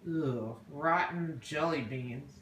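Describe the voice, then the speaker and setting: A woman's voice: low voice, takes it slowly. Woman doing casual family chat, kinda disapproving, bit far from the mic, faint noise behind. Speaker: mother filming a home video. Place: small kitchen or dining room at home. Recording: roomy echo, distant, faint noise.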